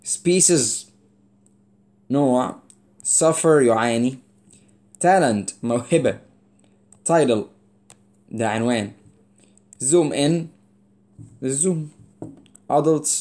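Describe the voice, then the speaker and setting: An Egyptian man in his young adult years runs through an English word list. He says each word, then explains it in relaxed everyday Arabic. His loudness swings between lively, louder stretches and softer, quieter ones. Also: mid-range voice. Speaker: English teacher. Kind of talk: vocabulary lesson.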